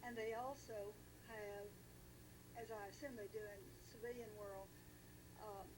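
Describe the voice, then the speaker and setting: An American woman talking casually about politics in a deliberate, measured way with pauses, on a noisy recording. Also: mid-range voice.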